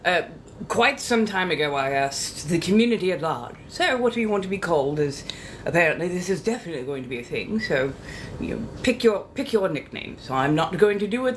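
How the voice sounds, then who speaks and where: A woman's voice: lowish voice, a little hiss or hum. A woman chatting casually to her followers as a livestream host, with theatrical, coy, old-fashioned ladylike diction and a playful habit of repeating phrases.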